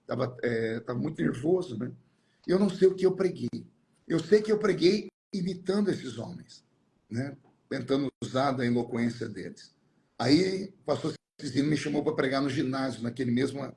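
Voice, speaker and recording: A man's voice: fairly high pitch, gravelly, a little mellow. Middle-aged pastor man telling his story. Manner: storytelling, reflective, searching for words. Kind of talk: personal testimony in conversation.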